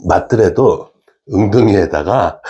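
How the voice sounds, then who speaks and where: A man's voice: lowish voice, measured pace, mellow, lo-fi sound. A middle-aged man giving a casual spiritual lecture, often checking in with listeners and chuckling.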